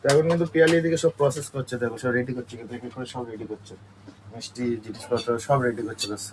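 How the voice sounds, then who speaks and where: A hoarse young man with a cold, vlogging from home on a phone and chatting straight to his viewers. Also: medium pitch, racing, background noise. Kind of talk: casual daily vlog. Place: at home, indoors.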